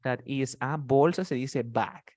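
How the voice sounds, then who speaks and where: A man's voice: mid-range voice, slow, a little mellow, no echo, clean studio sound. A man teaching English to beginners in a live class, patiently drilling words and calling on students by name.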